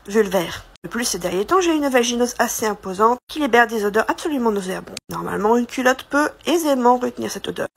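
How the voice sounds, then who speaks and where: A woman tells a storytime monologue with dramatic emphasis. Her voice sits a little high and sounds husky and breathy. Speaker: social media storyteller.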